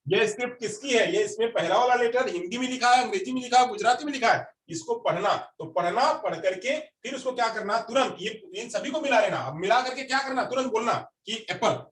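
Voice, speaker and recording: Man, teacher, classroom lecture, repeats phrases, quizzes the class, high voice, roomy distant recording. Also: expressive, fast talker, few pauses, fairly bright tone.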